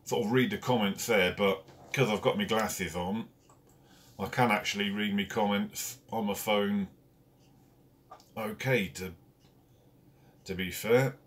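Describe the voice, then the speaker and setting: Slow-talking man on a live stream. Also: lowish voice. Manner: chatty, greets viewers one by one by name. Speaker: carp fishing channel host. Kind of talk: casual live-stream chat. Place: at home, indoors.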